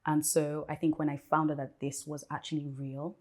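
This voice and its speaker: A woman's voice: deep voice, level tone, moderate pace. A woman in her thirties, a guest sharing her personal testimony in a candid, reflective way with light laughs between thoughts.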